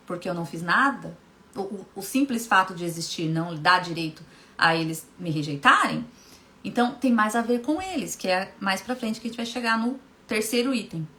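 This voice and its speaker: A woman's voice: mid-range voice, a bit bright. A woman, a hypnotherapist hosting a live stream, talking emphatically to viewers, repeating key phrases and greeting them by name. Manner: addresses viewers directly by name. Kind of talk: casual motivational live talk.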